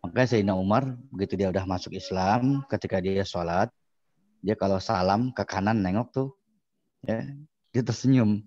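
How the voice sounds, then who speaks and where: A male religious teacher giving a lecture, telling a story with lively acted-out dialogue. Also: on the low side, moderate pace, long pauses, no room sound, lo-fi sound. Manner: animated storyteller acting out dialogue. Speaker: Islamic studies teacher.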